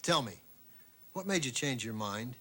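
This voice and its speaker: A man playing a proud, wistful middle-aged divorced father in a television drama, speaking in an earnest, coaxing and halting way. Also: medium pitch, expressive, pushed and bright. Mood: measured, rueful.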